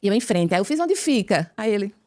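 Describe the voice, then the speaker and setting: A woman with a Brazilian Portuguese accent, a podcast guest telling her conversion story as a lively storyteller who acts out each exchange of dialogue. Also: medium pitch, fast talker, no echo, studio quality. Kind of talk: conversion testimony told as a story.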